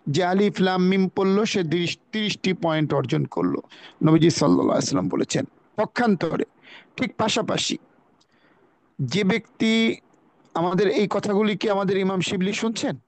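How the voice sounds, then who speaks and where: Man, high register, patient teacher of a religious lesson on a video call, repeats key points, dry close sound. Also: a little mellow, dry recording. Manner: explanatory, repeats key phrases, recites Arabic. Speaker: religious study speaker. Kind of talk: religious lesson on Quran pronunciation.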